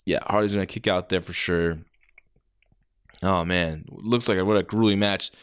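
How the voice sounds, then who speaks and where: A man's voice: deep voice, fairly even intonation, normal speed, clear, resonant tone. A man doing casual play-by-play as a wrestling commentator, reacting with exclamations and the odd swear word.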